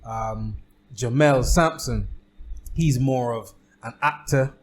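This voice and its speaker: Man, podcast host, teasing banter with a loud hype streak, mid-pitched. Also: slow pace, a little hiss or hum. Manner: playful, teasing, bursts into loud hype calls. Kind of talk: casual podcast chat.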